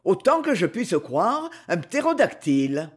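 A man reading aloud, voicing an excitable, triumphant male professor who calls out loudly. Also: sits high, unhurried, husky, exaggerated voice. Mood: exultant. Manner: exultant, shouting.

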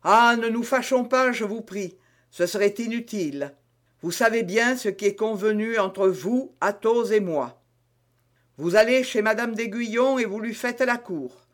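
A man's voice: sits high, unhurried, fairly bright tone. Man voicing Porthos, blustering proud musketeer. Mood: lecturing. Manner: hearty, emphatic and lecturing. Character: blustering, proud young male musketeer, vain and moralizing. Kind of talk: audiobook character reading.

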